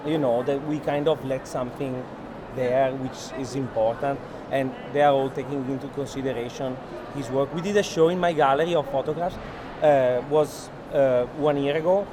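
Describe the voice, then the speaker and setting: Amid the noise of a crowded indoor fair hall, a gallery owner leads a walking tour, speaking off the cuff with earnest explanations. His mid-range voice keeps a fairly even intonation at a moderate pace, and his English comes out hesitant and non-native.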